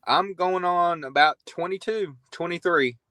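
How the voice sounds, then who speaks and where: A man of thirty telling stories as a podcast guest in a loose, relaxed, conversational way. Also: sits high, a little slow, no echo, rough recording. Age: 30s. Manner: laid-back storytelling, loose and conversational. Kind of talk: casual chat.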